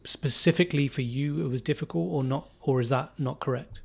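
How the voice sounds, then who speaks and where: A man's voice: medium pitch, fairly quick, creaky, breathy edge. A man hosting a payments podcast and asking his guest curious questions. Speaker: podcast host. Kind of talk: podcast interview.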